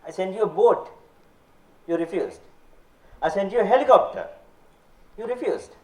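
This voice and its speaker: A calm, patient God, as a man puts him on. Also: sits high. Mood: calm reproach. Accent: Sri Lankan. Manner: calm, measured, quietly reproachful. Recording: roomy hall, voice far from mic.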